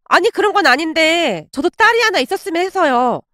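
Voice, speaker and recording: A woman's voice: very high-pitched, sing-song, a little fast, fairly bright tone, no echo, clean studio sound, pitched above the performer's own voice, heavily acted. A woman voicing a pushy young daughter-in-law who whines and wheedles. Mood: wheedling. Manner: wheedling, pleading.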